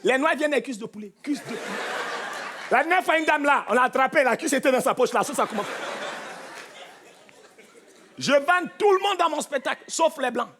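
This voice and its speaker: A man's voice: very high voice, animated, fairly quick, long pauses, sharp tone. A man with a Cameroonian French accent doing live stand-up on a theatre stage, teasing and punchy, talking straight to the crowd. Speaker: stand-up comedian.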